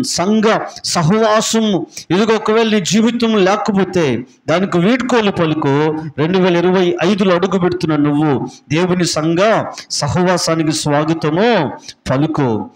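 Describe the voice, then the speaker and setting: A man preaches a sermon in a church prayer hall, his voice sitting on the higher side. He works through lists word by word with emphasis. He throws out call-and-response questions and answers them himself. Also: a little slow. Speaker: pastor.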